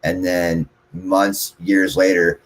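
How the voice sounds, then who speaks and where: A man, a guest musician, answering interview questions casually and telling long, animated stories. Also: sits low, slow pace. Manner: rambling, animated storyteller.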